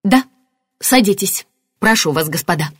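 A woman's voice: expressive, measured pace, slightly rough, dry recording, clean studio sound, soft background music. A woman reading an audiobook, voicing a distraught middle-aged mother who flares up and cries out. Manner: shrill, flaring up.

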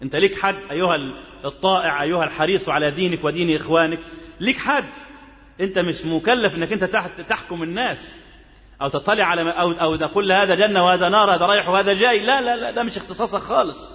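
A man with an Egyptian accent giving a Friday sermon, moving between formal Arabic and lively colloquial asides. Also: high voice, fast, in a large hall. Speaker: preacher.

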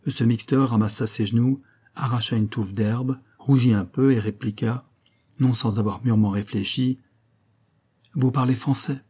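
A man reading a literary story aloud as a narrator, with a measured, even delivery. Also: medium pitch, husky. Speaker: audiobook reader.

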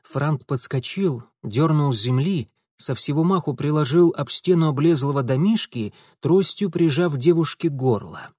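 A man giving an expressive, dramatic audiobook narration. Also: on the high side, moderate pace, hardly any pauses, husky, no echo, clean studio sound. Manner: dramatic, lively storytelling.

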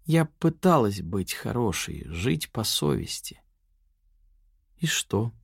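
A man's voice: medium pitch, sing-song, slow, creaky, breathy edge, no echo, studio quality, heavily acted. Man playing a bitter, frightened young captive woman.

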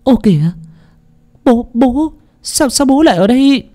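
A man voicing a shrill desperate young mother. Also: expressive, a little slow, warm tone. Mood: startled. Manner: pleading, sobbing, shrill cries.

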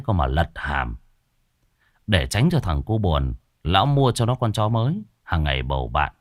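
A man tells a ghost story, his lowish voice rising and falling with dramatic swings. The sound is dry and close to the mic. A scripted, expressive horror narration. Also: no echo.

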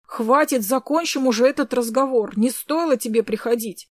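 Woman doing a calm, commanding young man in an audiobook. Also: a little high, moderate pace, dry recording, studio quality, lightly acted. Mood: stern. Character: firm protective older brother, young man.

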